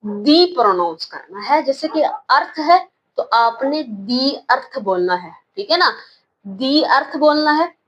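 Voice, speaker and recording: Woman, Pakistani accent, high voice, English teacher, patient, repeats and quizzes. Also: a bit bright, rough recording. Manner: patient, repeats words and asks questions back. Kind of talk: classroom-style lesson.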